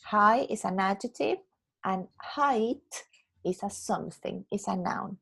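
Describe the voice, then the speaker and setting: A woman teaching an English class over a video call. She explains patiently, repeats words slowly and keeps checking with "yeah?". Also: medium pitch, vocal fry, a bit bright, husky, low-quality recording. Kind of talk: online English lesson.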